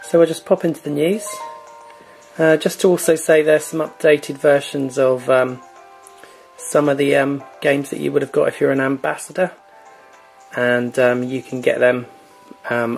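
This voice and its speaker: Gravelly and a little slow, this man's medium-pitched voice comes over soft background music. He hosts a gaming channel and gives a laid-back, filler-heavy walkthrough of a console's online store on screen.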